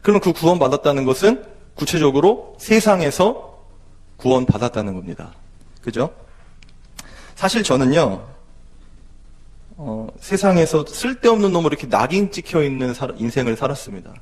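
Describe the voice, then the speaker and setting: A man's voice: on the high side, big pitch swings, moderate pace, pauses often, darkish tone. A man in his thirties preaching a testimony sermon in a church, emotional and building to pleading intensity. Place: church sanctuary.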